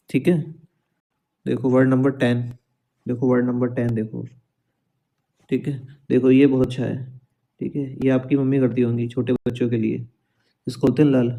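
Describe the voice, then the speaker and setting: A man's voice: mid-range voice, mellow. A man teaching vocabulary with memory tricks, repeating each word and often asking his students whether they follow. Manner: repetitive, coaxing, keeps asking "is it?".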